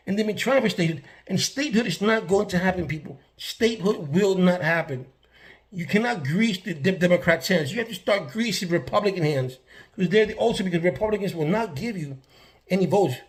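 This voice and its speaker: A man from the Bronx, ranting to camera in a casual, emphatic way, with many restarts and fillers. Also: sits high. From the Bronx, New York. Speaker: vlogger. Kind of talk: casual political rant to camera.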